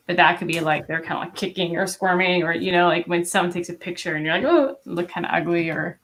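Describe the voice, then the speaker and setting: A woman's voice: lowish voice, level tone, quick pace, a bit bright, a little hiss or hum. A young woman streaming while she draws, chatting casually and thinking aloud with lots of fillers. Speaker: streamer and artist. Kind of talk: casual live-stream chat while drawing.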